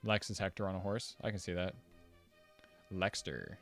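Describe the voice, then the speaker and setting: A man's voice: deep voice, normal speed, a bit bright, soft background music. A man streaming a video game, chatting casually and rambling between moments of play. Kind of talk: casual live-stream commentary.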